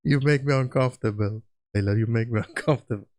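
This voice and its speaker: A man hosts a relaxed podcast chat, asking questions and reacting to his guest's stories. He talks haltingly, often restarting sentences, and laughs along easily. His voice is a plain mid pitch. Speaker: podcast host. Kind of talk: casual interview chat.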